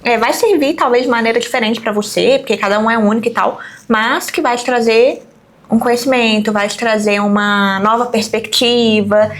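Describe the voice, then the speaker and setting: A woman in her thirties chatting casually as a podcast host, lively as she tells stories and acts out quoted speech. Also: a little high, moderate pace. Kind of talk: casual chat.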